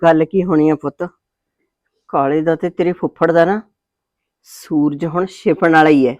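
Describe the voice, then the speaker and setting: An actress playing a calm village mother with a Punjabi accent, soothing her angry son. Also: normal speed, dry recording, highs cut off, close to an everyday voice. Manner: soothing, low-key reassuring. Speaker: mother of the hero.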